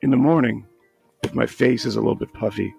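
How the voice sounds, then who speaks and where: Man doing a smug, self-obsessed narcissist, very gravelly, faint music behind. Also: medium pitch, brisk, a little mellow. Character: vain, self-obsessed man reciting his routine.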